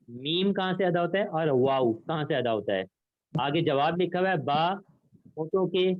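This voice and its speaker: A man's voice: a little high, dry recording. Patient male teacher on a dull video call. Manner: patient, explains step by step, repeats sounds slowly. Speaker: Quran recitation teacher. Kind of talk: online class teaching. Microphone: computer mic on a video call.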